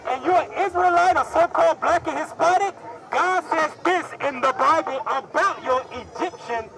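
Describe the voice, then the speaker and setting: Street preacher, male, high-pitched, pushy questioning debate style, loud crowd all around outdoors. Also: moderate pace, creaky, poor audio. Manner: forceful, preachy, rhetorical questions.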